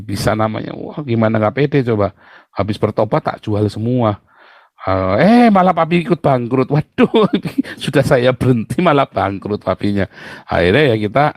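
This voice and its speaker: A man's voice: lowish voice, a little mellow, no echo, clean studio sound. A middle-aged man preaching a sermon, telling family stories with sudden exclamations and laughs. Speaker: pastor.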